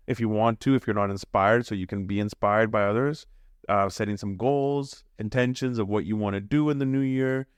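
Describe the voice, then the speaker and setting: A man's voice: on the low side, clean tone, no echo. Podcast guy wrapping up the episode, upbeat and pep-talky, dry close sound. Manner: upbeat, motivational summing up. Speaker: podcast co-host. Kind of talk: podcast recap.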